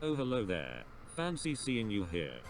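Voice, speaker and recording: A smooth, monotone robotic text-to-speech voice of a man narrating a guide video with a flat, android-like delivery. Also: lowish voice, measured pace, over loud music. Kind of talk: scripted narration.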